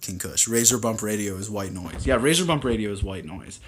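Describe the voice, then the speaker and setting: A man's voice: lowish voice, animated, fairly quick, a little hiss or hum. A man hosting a casual livestream, rambling and reading viewer comments aloud, with many fillers and restarts, recorded on a phone. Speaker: livestream host.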